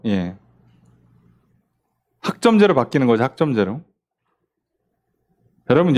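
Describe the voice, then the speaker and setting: A pastor leads a midweek Bible study in a conversational preaching style, rattling off rhetorical questions and acting out short quoted exchanges. His pitch is fairly high.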